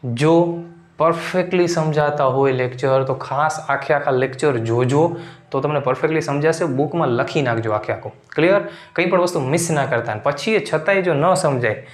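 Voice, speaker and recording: A male teacher with a Gujarati accent giving a recorded lecture, often stopping to ask whether it is clear. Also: fairly high pitch. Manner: keeps checking understanding with quick questions. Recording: echoey room.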